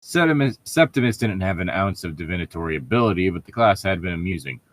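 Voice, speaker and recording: This deep, fairly bright male voice is animated and fast. Hosting a podcast, the man reads fan fiction out loud and riffs on it casually between lines in an exasperated, sarcastic, often profane manner.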